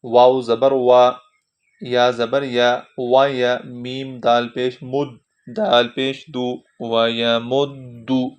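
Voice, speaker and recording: A man's voice: medium pitch, level tone, clear, resonant tone. A man teaching a Quran lesson, spelling each word letter by letter and then blending the sounds together. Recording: dull lo-fi recording.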